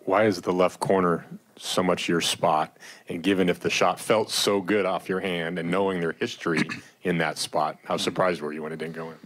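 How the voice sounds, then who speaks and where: A man's voice: deep voice, steady tone, normal speed, a bit bright. A male reporter asking questions at a press conference, stumbling and repeating words as he starts.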